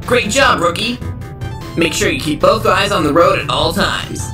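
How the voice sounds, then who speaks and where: A man's voice: high-pitched, animated, moderate pace. A man voicing a perky, cocky young cartoon hedgehog who gives driving instructions in an analog horror parody, upbeat with a hint of menace. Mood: chirpy, instructive. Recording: roomy, distant sound under music. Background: music.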